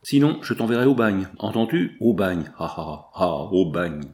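A man's voice: on the low side, very animated, normal speed, a little mellow. A man voicing a delirious young woman thief who shrills her accusations in an audiobook reading. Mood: frenzied accusing.

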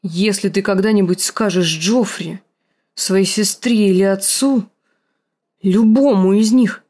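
A woman reading an audiobook, voicing a scarred, bitter, hulking male warrior with a rasping, gruff, slow and menacing delivery. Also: mid-range voice, darkish tone, natural voice. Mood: threatening.

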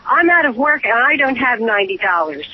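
A woman's voice: a little high, very animated, a little fast. A woman heard over the phone, arguing indignantly and insistently, repeating herself as the target of a prank call. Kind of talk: angry phone argument. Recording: muffled phone line with faint hiss.

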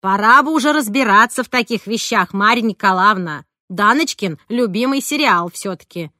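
A woman voicing a blunt, grumbling older cleaning woman in an audiobook, with a slow, drawn-out delivery. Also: mid-range voice, expressive, bright, forceful tone, no echo, clean studio sound. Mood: lecturing. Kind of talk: audiobook character reading.

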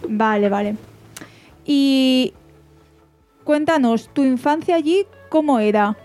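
Una mujer española que conduce un pódcast en tono de charla informal, preguntando con frecuentes reinicios. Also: female voice, sits high, slow pace, a little mellow. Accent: Spanish from Alicante. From Spain. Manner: chatty, asks questions with frequent restarts. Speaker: podcast host. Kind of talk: casual podcast interview.

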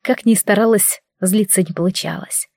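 A woman's voice: medium pitch, normal speed, a little mellow, no echo. Female audiobook narrator, mid-range voice, wry conversational first-person read, dry studio.

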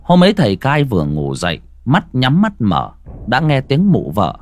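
A man narrating a ghost story theatrically, dropping to a hush and rising sharply. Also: mid-range voice, huge pitch swings, moderate pace. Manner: theatrical, swings from hushed to loud.

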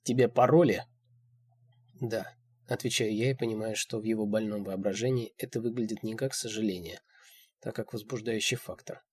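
A man narrating a first-person audiobook in a steady, measured reading. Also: lowish voice, husky.

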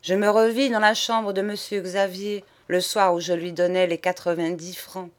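A woman reading a classic novel aloud, in measured and expressive narration. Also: on the low side. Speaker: audiobook reader.

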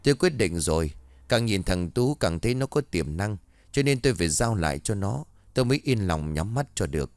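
A man's voice: on the low side, big pitch swings, brisk, a little mellow, dry recording. A man voicing a stern old male exorcist who scolds a ghost, in a spoken storybook.

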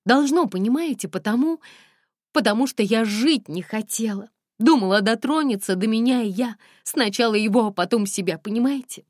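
A woman reading a stubborn young runaway bride who talks quickly and emphatically. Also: on the high side, animated, a little mellow, no room sound, clean studio sound, voice pushed up. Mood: desperate.

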